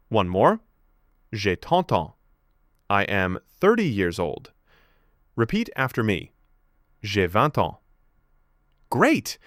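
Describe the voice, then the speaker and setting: A man's voice: fairly low pitch, fairly bright tone, no echo, studio quality. A man teaching a beginner French lesson, encouraging and enunciating each word for students to repeat.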